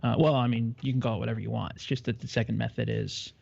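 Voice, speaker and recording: A man co-hosting a live coding show, relaxed and a little hesitant as he guides his partner step by step. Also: medium pitch, fast, vocal fry, slightly rough, no echo. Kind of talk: casual coaching during live coding. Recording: slightly muffled, dry mic.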